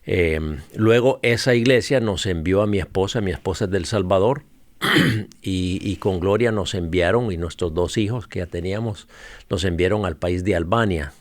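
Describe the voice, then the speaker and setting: A middle-aged man with a Honduran Spanish accent appears as a guest missionary leader in a conversational podcast interview, earnestly telling his story with frequent fillers. His voice is low and his speed normal, with no echo.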